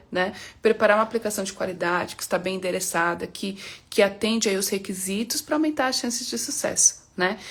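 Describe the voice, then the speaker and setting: A woman working as an immigration consultant, answering viewers' questions on a live stream in a calm, explanatory way, often ending phrases with checking tags. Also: mid-range voice. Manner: explanatory, reassuring, frequent "né?" and "tá?" tags.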